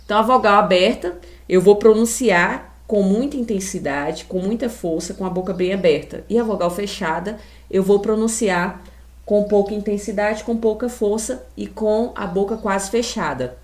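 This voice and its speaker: A Brazilian woman teacher with a Brazilian Portuguese accent, giving a video lesson to children. She talks straight to the class, slowly and emphatically, and stretches out her example words. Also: mid-range voice.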